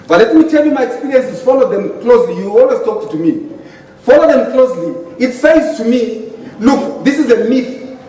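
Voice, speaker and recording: A man's voice: extremely high pitch, lively intonation, normal speed, warm tone. A middle-aged man with a Zimbabwean accent giving an impassioned, emphatic debate speech as a party panelist, mixing English and Ndebele. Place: hotel conference hall. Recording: very echoey hall, distant mic, faint noise.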